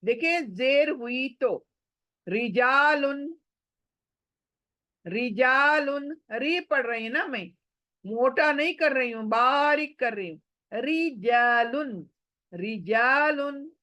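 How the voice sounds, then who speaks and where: Woman teaching recitation, slow and patient, kinda high voice, dry close sound. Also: lively intonation, fairly bright tone, no room sound. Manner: slow and patient, drawing out example words, mixing in English phrases. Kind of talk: online lesson, explaining and demonstrating.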